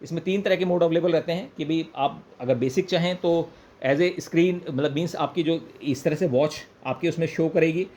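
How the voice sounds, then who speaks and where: An Indian man with a somewhat high, slightly mellow voice walks through an informal product demo at a moderate pace. He goes step by step, repeats points, and slips in English phrases. The recording is clear, with background noise and room ambience.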